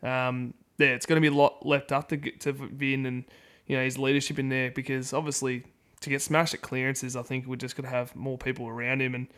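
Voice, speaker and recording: A man's voice: medium pitch, flat delivery, brisk, a bit bright, clear, resonant tone. An Australian man co-hosting a casual football podcast in a wooden shed, rambling along in a colloquial, conversational way. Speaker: sports podcast co-host.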